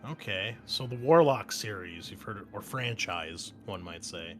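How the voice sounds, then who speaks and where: A man with a lowish, animated, fairly bright voice hosts a tabletop gaming podcast, chatting casually and enthusiastically with his players as game master during the intro. He speaks at a moderate pace, and the noisy home recording carries clear background ambience and faint music.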